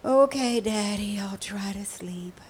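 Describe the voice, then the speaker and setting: A woman voicing a scared little girl in a bomb shelter, calling out in a high, pleading voice. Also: lively intonation, normal speed, darkish tone, a little hiss or hum, natural voice. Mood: anxious.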